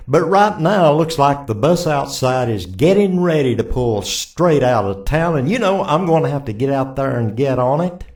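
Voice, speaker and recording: A man hosting a country music radio show, introducing acts in a folksy, drawn-out way. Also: mid-range voice, lively intonation, a little mellow.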